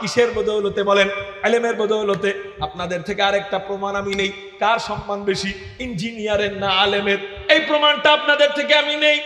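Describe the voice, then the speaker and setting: A man with a Bangladeshi Bengali accent preaching a waz sermon to a crowd, shouting with passion and firing rhetorical questions, now and then chanting Arabic verses. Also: high voice, fairly even intonation, normal speed. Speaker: Islamic preacher. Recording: echoey PA sound with long reverb.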